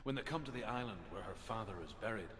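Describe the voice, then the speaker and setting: A man playing a grave spirit storyteller in a video game, recounting old legends in a measured, solemn way. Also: lowish voice, background noise, lightly acted. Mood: ominous storytelling. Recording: echoing reverb over loud ambient game sound.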